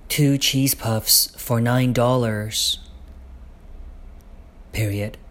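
A man dictating his own prose aloud, speaking every punctuation mark in a deliberate, halting way. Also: medium pitch, steady tone, a bit bright. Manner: slow, deliberate dictation with pauses.

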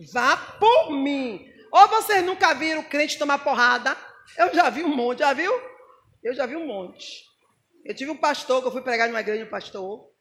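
A woman preacher, telling a testimony in a lively, mocking way and acting out the voices she quotes. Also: high voice. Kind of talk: sermon with testimony.

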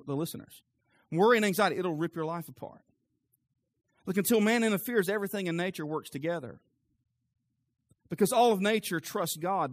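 A young adult man preaching a sermon in a church, moving from calm teaching to loud, fervent preaching. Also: a little high. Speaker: pastor.

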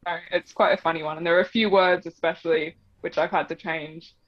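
A young woman with a blended Australian and English accent, a double bass player, is a guest in a casual interview, chatting with lots of fillers and laughs. Her voice is lowish and her speed normal. The dry recording sounds dull and slightly muffled.

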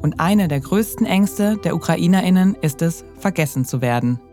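A documentary narrator speaking in an earnest, measured way. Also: mid-range voice, animated, mellow, soft background music. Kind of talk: scripted narration.

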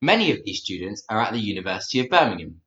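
A man's voice: lowish voice, sing-song, very fast, pushed and bright. A man introducing a news item and putting prepared questions as a radio interviewer. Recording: echoey, slightly dull audio.

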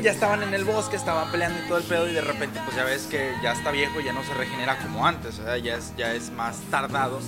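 A man with a Mexican accent telling stories in a casual chat, full of slang and swearing. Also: mid-range voice. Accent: Mexican Spanish. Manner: animated storytelling, heavy slang and swearing. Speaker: podcast co-host. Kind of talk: casual chat among friends.

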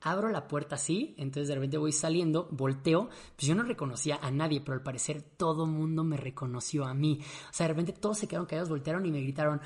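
A young man with a Mexican accent, casually telling an animated, slang-filled story to his audience and acting out his own reactions. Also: a little high, quick pace, few pauses.

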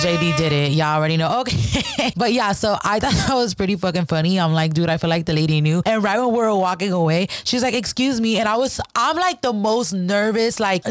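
A woman's voice: medium pitch, no room sound, clean studio sound. A woman in her twenties hosting a podcast, telling stories in casual chat, laughing often, swearing freely and acting out quoted people. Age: 20s. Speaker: podcast host. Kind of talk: casual storytelling monologue.

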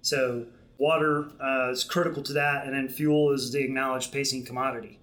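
Middle-aged man, mid pitch, steady explainer with fillers, podcast guest. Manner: measured, explanatory, many restarts and fillers. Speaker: Marine Corps program manager, guest. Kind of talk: podcast interview.

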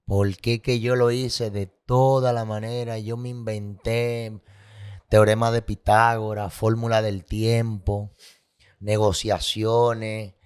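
A man's voice: fairly low pitch, level tone, slow, darkish tone, clean tone. A man telling his personal story as a guest, candid and emotional, with vivid sound effects and repetition.

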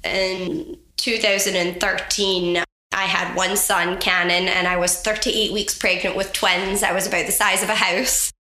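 Scottish woman with a cold, bright voice. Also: medium pitch, level tone, measured pace. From west coast of Scotland. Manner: earnest, talkative storyteller. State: has a cold. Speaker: guest, charity founder. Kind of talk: conversational interview. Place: office. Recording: roomy office recording.

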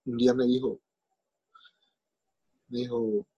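A man's voice: mid-range voice, level tone, slow pace, warm tone, slightly rough, highs cut off. A middle-aged man with a Colombian accent tells his life story in an interview, emotional and plainspoken, with coarse slang and repeated phrases. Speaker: interview guest. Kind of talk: personal life story in casual conversation.

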